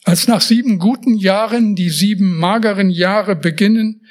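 A man's voice: high-pitched, moderate pace. A man preaching a sermon, emphatic and speaking straight to his listeners with casual asides.

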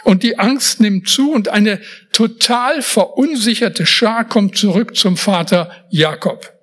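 Guy preaching a sermon, pretty high voice, emphatic, tosses in casual asides to the listeners. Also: slow pace, fairly bright tone.

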